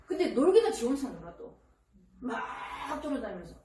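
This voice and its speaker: A lively, animated woman talks through parenting advice in a relaxed counseling chat, her voice sitting a little high. She is recorded from a distance in an echoey room, with faint ambient noise behind her. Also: moderate pace. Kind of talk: casual counseling talk.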